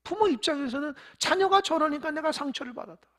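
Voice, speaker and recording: A pastor preaching a sermon in church, shifting between loud, emphatic stresses and soft near-whispers, and asking the congregation questions. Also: high voice, lively intonation, fast talker. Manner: tells parables, asks the congregation questions.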